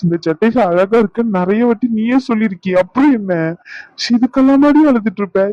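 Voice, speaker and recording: A man's voice: high-pitched, a little fast, no room sound, highs cut off, natural voice. A man voicing a teasing, bossy young husband in a cartoon, scolding in banter. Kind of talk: cartoon voice acting.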